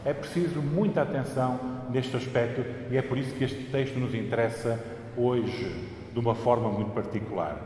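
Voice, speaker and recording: A man's voice: medium pitch, normal speed, dark tone, a little hiss or hum. A pastor with a European Portuguese accent preaching an earnest, emphatic sermon, his voice ringing with a cathedral echo. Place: large church. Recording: echoey church hall, faint ambience.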